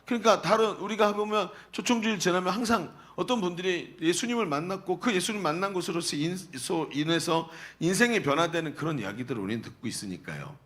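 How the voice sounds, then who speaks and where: A man's voice: sits high, expressive, quick pace, hardly any pauses, fairly bright tone. A middle-aged male pastor who reads scripture aloud and then preaches in a chatty way, asking the congregation questions. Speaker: senior pastor. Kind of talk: sermon.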